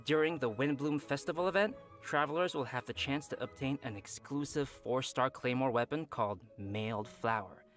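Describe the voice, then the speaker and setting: Over soft background music, the host of a game update program reads a scripted event announcement with upbeat, playful asides. He speaks at normal speed with few pauses, in a mid-range, slightly bright voice.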